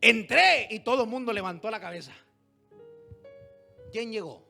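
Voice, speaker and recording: Pastor guy with a real high raspy voice, preaching, asks the church questions, goes quiet then loud. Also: animated, moderate pace, soft background music. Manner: swings from hushed storytelling to loud exhortation; rhetorical questions to the congregation. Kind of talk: sermon. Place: church service.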